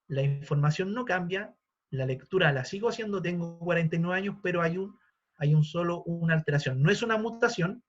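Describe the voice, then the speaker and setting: Man in his forties lecturing, lo-fi sound. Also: high-pitched. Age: 40s. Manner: explanatory, with many fillers and restarts. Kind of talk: live online talk. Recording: dull lo-fi sound.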